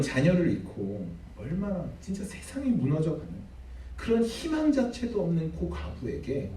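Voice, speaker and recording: A man's voice: fairly high pitch, warm tone, a little hiss or hum. A man preaching a sermon as pastor, dramatic, acting out the figures he quotes. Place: church sanctuary. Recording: echoey hall, mic at a distance.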